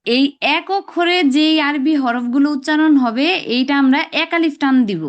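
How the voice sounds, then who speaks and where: A woman with a high voice leads an online lesson, explaining patiently step by step. She stretches each sound she demonstrates. The call audio is dull and lo-fi. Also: normal speed. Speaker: Arabic pronunciation teacher. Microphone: video call.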